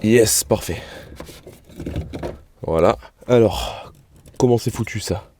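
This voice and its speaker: A man's voice: lowish voice, slow pace, mellow, slight background noise. A young man casually vlogging about his car, swearing often and thinking aloud as he works in his garage. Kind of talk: casual vlog commentary.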